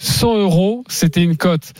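A man's voice: high-pitched, a little slow, a little mellow, no echo, studio quality. A man hosting a radio show in casual chat, talking with lots of fillers. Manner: chatty, hesitant with many fillers. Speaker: radio sports betting show host.

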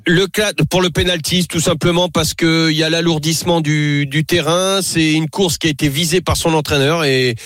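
A man giving horse racing tips on a radio show, talking casually and haltingly with many fillers and restarts. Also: on the high side, steady tone, a bit bright, no echo, clean studio sound. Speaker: racing tipster.

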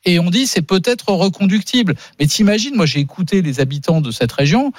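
Male radio co-host with a fairly high voice; emphatic debater, dry studio mic. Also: animated, brisk, no echo. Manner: emphatic, repeats for effect. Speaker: radio talk show co-host. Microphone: studio microphone.

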